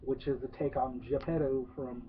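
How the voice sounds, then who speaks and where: A man's voice: medium pitch, little pitch movement, normal speed, slight background noise. A man ranting through a sarcastic movie review, rambling with lots of "uh"s and swearing. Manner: rambling, profane, many filler "uh"s, sarcastic. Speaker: film reviewer. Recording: tinny phone-like lo-fi.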